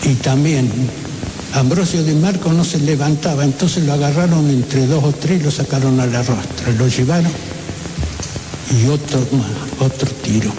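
A man giving emotional first-person testimony, halting and repeating words, acting out shouts and gunshots. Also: fairly high pitch. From Argentina. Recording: echoey room with loud noise.

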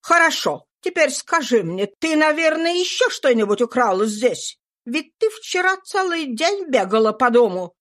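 A woman voicing a stern, exasperated spinster aunt who scolds with sharp questions. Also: sits high, big pitch swings, normal speed, pitched above the performer's own voice. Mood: scolding.

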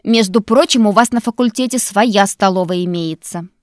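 A woman's voice: medium pitch, normal speed, no echo, clean studio sound, lightly acted. A woman voicing a female house spirit cook, curt and teasing.

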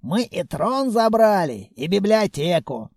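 A man voicing a calm, sly old undead mummy grandfather, drawling and unhurried. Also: sits high, vocal fry, no room sound, studio quality, voice pushed up, exaggerated voice. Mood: easygoing.

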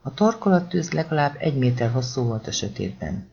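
A man narrating an audiobook in a tense, dramatic way, voicing the shouted lines of the characters himself. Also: mid-range voice, sing-song, gravelly, highs cut off.

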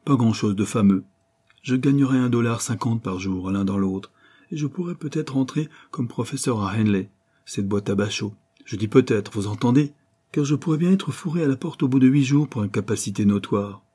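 A man's voice: medium pitch, moderate pace, mellow, husky, natural voice. A man voicing a blunt, sardonic young man. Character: frank, blunt young man, mocking lecturer.

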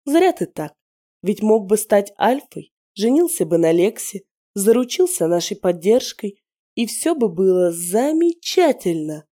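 A woman reader performs a spiteful female werewolf, voiced higher than the narration. Her delivery is sneering and taunting, with shrill edges, over a warm, mellow tone. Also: very animated, unhurried. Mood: scornful. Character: scheming middle-aged female werewolf, spiteful and mocking.

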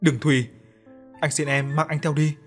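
A man's voice: fairly high pitch, flat delivery, moderate pace, natural voice. A grief-stricken young husband speaks in a desperate, pleading tone in an audio story. A man plays him close to his own voice. Faint music runs behind.

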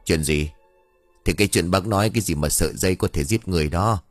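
A man voicing Hào, a cheeky young male villager who flatters and whines. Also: low-pitched, quick pace, no room sound, soft background music. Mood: teasing. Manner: wheedling, whiny when scared.

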